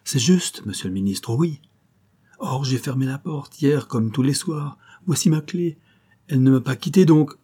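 A man's voice: mid-range voice, moderate pace, warm tone, slightly rough, natural voice. A man voicing a frightened male chief of staff who stammers and pleads his innocence, his voice rising in distress. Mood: pleading.

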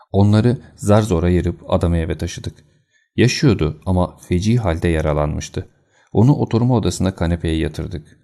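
A man narrates an audiobook in a steady, even manner. His voice sits very low, with a dark, mellow tone. A gravelly creak runs through it. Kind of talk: scripted narration.

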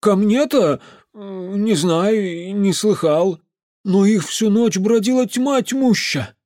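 Casting: hoarse drunk old peasant, weepy and wailing, shrill and loud, dry studio sound. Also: male voice, slow, no echo. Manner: wailing, tearful rustic speech.

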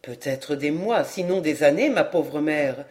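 A woman reading an audiobook voices a young man, steady and earnest, urging courage. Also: fairly low pitch, unhurried, voice pushed down.

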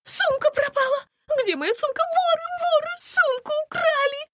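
Woman putting on a high screeching young woman, hysterical, whiny, swooping, storybook role. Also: expressive, normal speed, pushed and bright, no echo, exaggerated voice. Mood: shrill hysterical.

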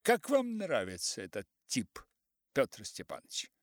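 A man's voice: medium pitch, huge pitch swings, unhurried, no room sound, clean studio sound. A man playing a snappish old professor. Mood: scornful. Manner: snappish and scornful. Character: irritable older male professor, scornful and sharp.

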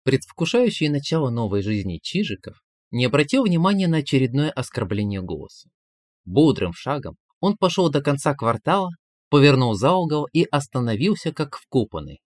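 Brief: male audiobook narrator, lively pitch, wry tone, dry close mic. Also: normal speed, dry recording. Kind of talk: audiobook storytelling.

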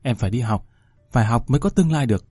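A man voicing a soft-spoken, tearful young woman in a read-aloud story. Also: mid-range voice, lively intonation, rapid-fire, slightly rough, dry recording, clean studio sound. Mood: gentle.

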